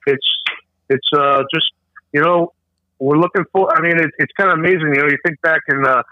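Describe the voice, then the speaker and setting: A man's voice: on the high side, brisk, no echo. A man calling in over a phone speaker, chatting casually and jokingly with loose, rambling talk. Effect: heard over a phone speaker. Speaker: guest on call. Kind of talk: casual chat. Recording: tinny dry phone line.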